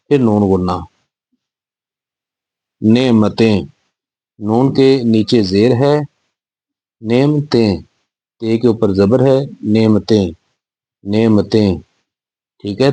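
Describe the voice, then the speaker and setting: This Urdu teacher speaks in a warm, fairly low voice, recorded dry. He gives young children a slow spelling lesson, sounding out every word letter by letter and patiently repeating it as they learn to read and write.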